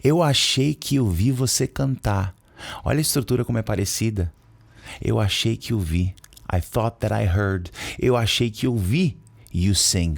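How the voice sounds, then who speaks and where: Lively, gravelly Brazilian teacher. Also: male voice, mid-range voice. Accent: Brazilian Portuguese. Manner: lively, slangy, repeats words slowly to show pronunciation. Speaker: English teacher. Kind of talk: casual explanatory lesson.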